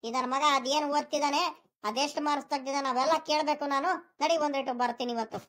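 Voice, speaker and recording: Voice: high voice, fairly even intonation, fairly bright tone, a little hiss or hum. A performer doing a grumpy cartoon grandfather. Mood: scolding. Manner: rapid scolding rural speech. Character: grumpy scolding village grandfather. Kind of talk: animated cartoon voice acting.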